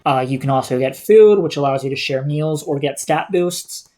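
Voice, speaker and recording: A man's voice: a little high, normal speed, a little mellow. A man giving casual live gameplay commentary as a streamer, indoors over game audio. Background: game music.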